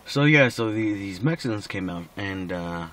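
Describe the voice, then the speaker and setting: A man's voice: on the low side, expressive, moderate pace, a bit bright. A drunk man rambling casually in a personal recording, slightly slurring and losing his thread.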